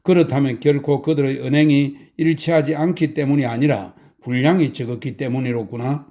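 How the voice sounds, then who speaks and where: A man reading a blunt, stern old male sage in a calm audiobook. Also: mid-range voice, fairly quick, close to an everyday voice. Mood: scolding. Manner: blunt, scolding.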